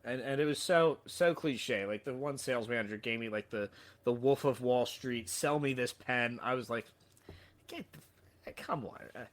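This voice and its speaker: A man spinning a story as a podcast guest, animated and self-deprecating. He stumbles and restarts often and swears casually. His voice sits in an ordinary middle pitch. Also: moderate pace. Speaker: podcast guest, sales trainer.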